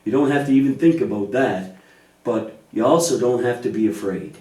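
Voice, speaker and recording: This man's voice is medium-pitched and somewhat dark, with a moderate pace. Taking part in a children's church puppet show, he patiently and reassuringly explains faith in simple terms via gentle scripted dialogue, recorded in an echoey space with the mic far away.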